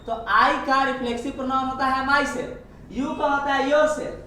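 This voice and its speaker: A man teaching an English grammar lesson, explaining step by step and repeating each example slowly. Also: very high-pitched, fairly even intonation, bright, forceful tone. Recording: echoey room, far from the mic, faint hiss.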